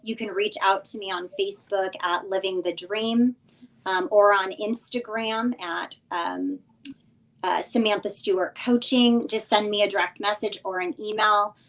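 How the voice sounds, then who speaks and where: A woman's voice: medium pitch, expressive, a little slow, low-quality recording. A woman speaking informally as a guest coach on a livestream, explaining details and encouraging listeners to act. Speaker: business coach, guest sponsor. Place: remote live video stream.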